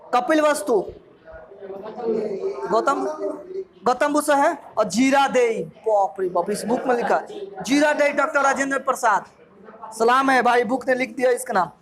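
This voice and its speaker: A coaching teacher from Bihar, India, with a Bihari accent, runs a jokey quiz revision, firing questions at his class. His voice is very high, a little slow, with long pauses. The recording comes from a noisy, crowded classroom full of students, with crowd noise in the background.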